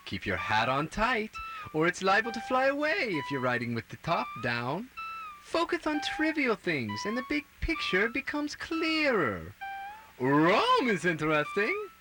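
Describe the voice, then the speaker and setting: A horoscope announcer reads the day's signs in a lilting, sing-song voice, played by a woman. Her pitch leaps widely from phrase to phrase. Music plays clearly underneath. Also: rough recording. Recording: VHS tape rip with music.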